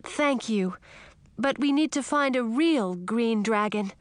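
A woman's voice: a little high, expressive, slow, no room sound, pitched above the performer's own voice. A woman voicing a young woman turned into a frog, earnest and worried. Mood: insistent.

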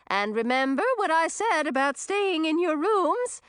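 A woman voicing an eccentric old female ice witch who talks in a high, sing-song, imperious way. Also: very animated, measured pace, a bit bright, dry recording, studio quality, heavily acted. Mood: commanding.

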